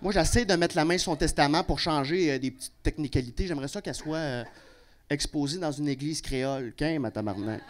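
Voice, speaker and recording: A young man with a Québécois accent works a comedy club crowd. His delivery is brash and full of swearing, and it jumps without warning from a low mutter into loud bursts. He talks into a handheld stage mic. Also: brisk, a little hiss or hum. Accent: Québécois French. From Quebec. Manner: brash and profane, with sudden loud outbursts. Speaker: stand-up comedian. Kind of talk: stand-up comedy set.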